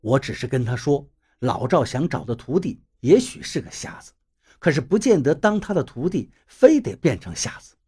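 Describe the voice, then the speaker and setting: A man voicing a calm, placating older male hospital director who speaks low and measured in an audiobook. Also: breathy edge. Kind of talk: audiobook character reading.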